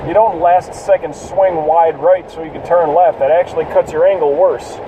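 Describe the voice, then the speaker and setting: A man's voice: fairly high pitch, steady tone, normal speed, far from the mic. A man hosting a casual solo talk while driving through heavy rain, ranting and swearing at other drivers. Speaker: podcast host. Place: inside a car in heavy rain. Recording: noisy in-car recording, rain and road noise.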